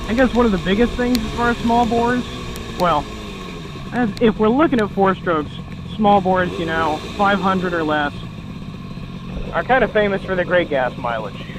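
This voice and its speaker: Riding his motorcycle outdoors in the rain, a young man chats and jokes at a normal speed, his high-pitched voice animated but muffled inside his helmet. This casual, running commentary from a motorcycle vlogger is heard over loud engine and road noise.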